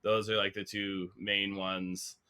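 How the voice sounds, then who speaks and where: Canada-raised drummer dude being interviewed, super laid back, says like a lot, lowish pushy tense voice. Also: male voice, level tone, slow, bright, forceful tone, clear, resonant tone. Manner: laid-back, modest, lots of filler words. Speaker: guest drummer. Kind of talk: casual interview chat.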